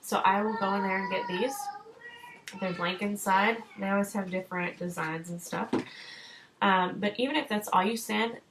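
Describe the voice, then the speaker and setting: This home vlog features a woman in her thirties, a direct sales consultant, rambling through encouraging sales advice with fillers and restarts. Her pitch is medium, her intonation fairly even, and her pace moderate; she is short of breath, and there is background noise.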